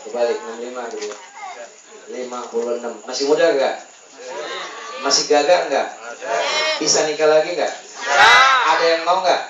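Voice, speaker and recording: A man, preaching a lively sermon with jokes to a gathering and calling for answers from the crowd. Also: normal speed, pauses often. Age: 50s. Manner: booming, jesting crowd call-and-response. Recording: very echoey, far-off, muffled, loud hum.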